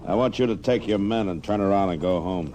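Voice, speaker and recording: An actor playing a grave, authoritative frontier marshal with an American accent in an old-time radio western. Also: male voice, sits low, a little fast, natural voice. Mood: firm. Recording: noisy old radio drama recording.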